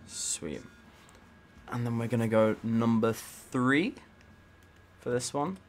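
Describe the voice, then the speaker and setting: Speaking slowly at medium pitch, a young gamer records let's play commentary on a desktop microphone. He curses a lot and breaks into nervous, jittery laughter, with a bit of noise in the background.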